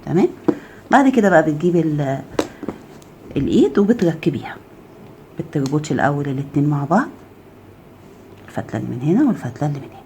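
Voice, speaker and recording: Egyptian woman, crochet tutor; low, warm, lively delivery, counts stitches, murmurs while working. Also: quick pace, long pauses, slight background noise. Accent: Egyptian Arabic. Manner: counts stitches aloud, keeps asking "okay?"; drops to a soft murmur while handling the work. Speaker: crochet teacher. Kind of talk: step-by-step crafting tutorial.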